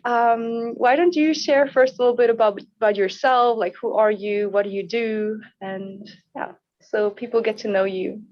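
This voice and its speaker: A woman's voice: fairly high pitch, steady tone, normal speed, dull audio. A woman hosting a podcast in casual chat, gushing and filling her talk with "like" and "yeah". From Switzerland. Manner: warm, gushing, many "like" and "yeah" fillers. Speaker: podcast host. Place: in a yurt.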